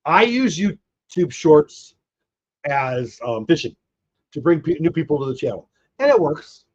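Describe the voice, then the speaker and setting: A man hosting a live baseball watch party, excitedly calling plays and chatting with viewers, a bit hoarse as he is losing his voice. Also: a little high, measured pace, lo-fi sound. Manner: excited, reacts to plays, talks to chat. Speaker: livestream watch party host.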